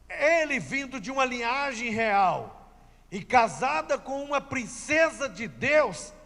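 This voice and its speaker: A man delivers a sermon in a very high, lively voice, retelling scripture with emphasis and repeating his key lines. His voice rings out through a church with a long reverb. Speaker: preacher.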